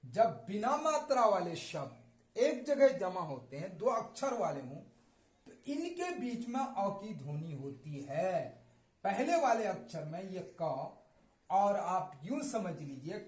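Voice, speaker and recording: A man teaching Hindi reading, who explains each letter slowly and says each word several times over so learners can drill it. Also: high voice, very animated, darkish tone, reverberant. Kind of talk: classroom-style explanation.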